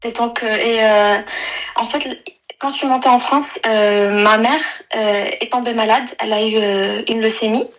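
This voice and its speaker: A woman in her twenties from Algeria, calling in to tell a personal story, halting and full of fillers and restarts. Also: on the high side, fairly even intonation, a bit bright, rough recording. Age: 20s. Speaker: caller. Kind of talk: personal confession on a live call.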